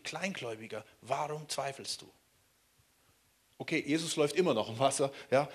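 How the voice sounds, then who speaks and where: A man from Germany preaching a sermon in a lively way, often turning to ask his listeners questions. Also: fairly high pitch. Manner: animated, asks the listeners questions.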